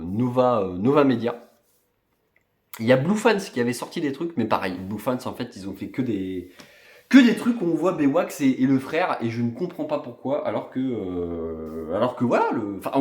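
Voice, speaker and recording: Man, casual collector chat, rambling with fillers, animated intonation, roomy echo. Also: mid-range voice. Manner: chatty, rambling, many fillers and restarts. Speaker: collector vlogger. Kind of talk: casual unboxing show-and-tell.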